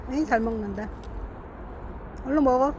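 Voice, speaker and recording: A middle-aged woman outdoors, talking to stray cats in a coaxing, teasing baby-talk way with soft laughs. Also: high voice, moderate pace, lo-fi sound, slight background noise. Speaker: cat feeder vlogger. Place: outdoors among grass.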